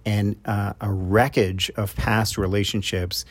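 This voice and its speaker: Talking to his podcast audience, this love coach from New York drifts through a loose advice monologue, often saying "uh" and restarting his sentences. He is middle-aged with a New York accent, and his voice is on the low side, flat, and measured in pace.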